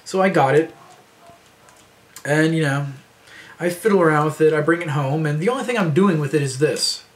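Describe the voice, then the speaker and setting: Man in his thirties, casual vlog rambling, slightly higher voice, faint background noise. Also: normal speed. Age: 30s. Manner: rambling, many fillers and restarts. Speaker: vlogger.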